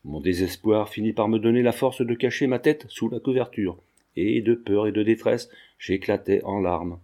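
A man narrating a literary novel as an audiobook, in a measured storytelling manner. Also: fairly low pitch, mellow. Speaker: audiobook reader.

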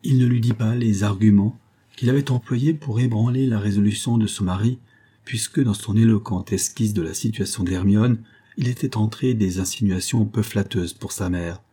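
Male narrator for a classic novella, low, husky, even literary delivery. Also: moderate pace. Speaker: audiobook reader.

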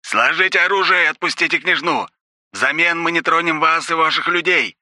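A man voicing a male enemy officer who demands surrender over a loudspeaker, loud and commanding, repeating his orders. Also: on the high side, brisk, voice pushed up. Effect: loudspeaker broadcast. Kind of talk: audiobook narration.

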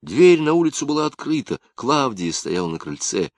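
An audiobook narrator, a man with a mid-range voice, reads a novel in scripted narration with a measured, even storytelling delivery. The studio sound is clean, with no room sound.

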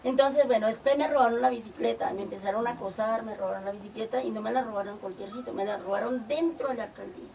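An older woman recounts her life as a community organizer, slipping into the voices of the people she met. Her voice sits a bit high and has a gravelly edge. She is recorded from some distance, with clear background noise. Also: fast talker, few pauses. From Colombia. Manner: lively anecdotal storytelling with quoted dialogue. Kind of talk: storytelling.

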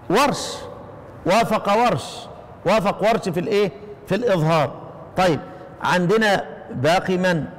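Egyptian male recitation teacher, high pitched, chants verses and quizzes students, reverberant hall. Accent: Egyptian Arabic. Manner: quizzing listeners with repeated questions, chanting verse slowly. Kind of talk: explaining a recitation poem to students.

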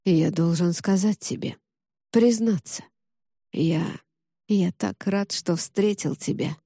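A woman voicing an earnest young man in love in an audiobook, speaking softly and hesitantly. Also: lowish voice, no echo, clean studio sound. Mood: tender. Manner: soft, hesitant, slow and coaxing. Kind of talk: audiobook character reading.

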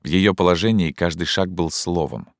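A male audiobook narrator with a very low voice gives a measured, even reading of literary prose. The recording is dry and close, with no room sound. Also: no echo.

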